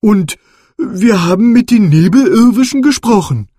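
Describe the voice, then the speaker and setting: A man's voice: high-pitched, expressive, measured pace, warm tone, husky, no room sound, clean studio sound, pitched above the performer's own voice, exaggerated voice. A man voicing an eager, breathless male goblin servant in a storybook reading. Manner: panting, eager to please.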